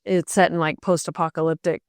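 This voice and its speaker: A woman's voice: lowish voice, level tone, a little fast, clear, resonant tone, no room sound, studio quality. Chatty woman co-hosting a book podcast. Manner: chatty, rambling with many fillers. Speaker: podcast co-host. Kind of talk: casual book chat.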